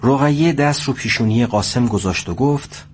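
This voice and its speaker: Male narrator, steady storytelling. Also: medium pitch, slight background noise. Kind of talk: scripted narration.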